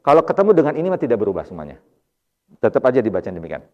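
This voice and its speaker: A man's voice: medium pitch, big pitch swings, racing. A man with a Sundanese accent teaching an Arabic grammar lesson at a mosque study circle, explaining patiently and repeating Arabic words with stress. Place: mosque hall. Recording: dull lo-fi recording with hall reverb.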